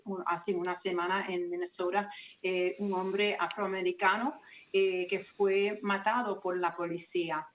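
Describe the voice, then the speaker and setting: A woman raised in Connecticut speaks as an interview guest. She talks earnestly, halting now and then to repeat a word, at a middle pitch. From Connecticut, USA. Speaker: guest, founder of a nonprofit. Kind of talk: radio interview.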